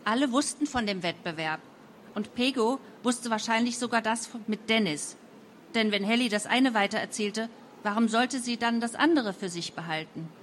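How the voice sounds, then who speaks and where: A woman reading a first-person young adult novel aloud in a lively, wry storytelling manner. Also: on the high side, moderate pace, slight background noise. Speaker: audiobook narrator.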